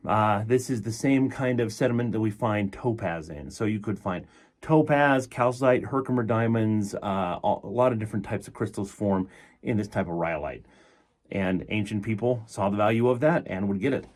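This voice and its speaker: A man's voice: fairly low pitch, darkish tone. A man narrating an outdoor exploration vlog in a casual, rambling, explanatory way, speaking as the presenter.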